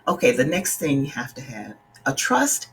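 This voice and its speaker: A woman's voice: extremely low pitch, sing-song, moderate pace, slight background noise. A middle-aged woman from the Bahamas, a life coach talking casually to her live-stream viewers in an earnest, direct way and greeting them by name. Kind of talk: casual livestream talk.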